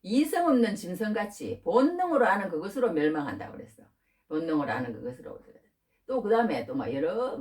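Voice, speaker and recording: A middle-aged woman preaching a sermon, asking the listeners rhetorical questions in an informal, lively way. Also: low voice. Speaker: pastor. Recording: distant from the mic.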